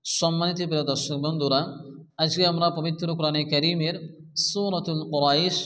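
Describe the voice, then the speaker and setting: A man with a Bangladeshi Bengali accent teaching Quran recitation step by step, explaining each rule and then chanting the words slowly and drawn out. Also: a little high, level tone, a bit bright, slight background noise. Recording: long hall reverb.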